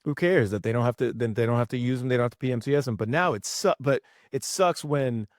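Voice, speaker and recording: A man's voice: medium pitch, fast talker, dry recording, clean studio sound. A young man, a former military mechanic, telling stories in casual podcast chat, swearing freely. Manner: profane, animated storytelling.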